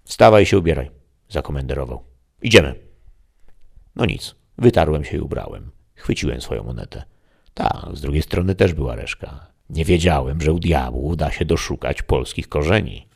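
A man's voice: a bass voice, expressive, moderate pace, gravelly, darkish tone, husky. A man narrating a first-person audiobook story in a dry, wry way.

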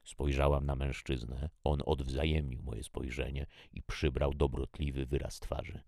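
A man reading a first-person story as an audiobook in a measured, even way. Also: very deep voice, no room sound, studio quality. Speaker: audiobook reader.

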